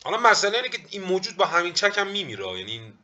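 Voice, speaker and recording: A man's voice: high voice, sing-song, music in the background. A young man hosting a reaction video, mocking and joking about the clips in a casual way.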